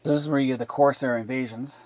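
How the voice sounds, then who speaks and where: A man's voice: medium pitch, fairly even intonation, quick pace, darkish tone. A man casually reviewing a roleplaying sourcebook and retelling its lore, rambling, with many restarts and asides.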